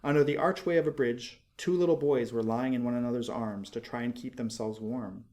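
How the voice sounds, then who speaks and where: A male audiobook narrator reads a literary tale in a mid-pitched voice. He's expressive yet measured, laying out each phrase deliberately.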